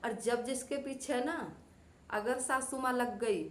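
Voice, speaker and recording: A woman's voice: fairly high pitch, slow, a bit bright. A woman talking earnestly to her viewers in a casual vlog, acting out family quarrels as she lectures. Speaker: vlogger. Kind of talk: casual talk to camera. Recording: echoey room, faint background noise.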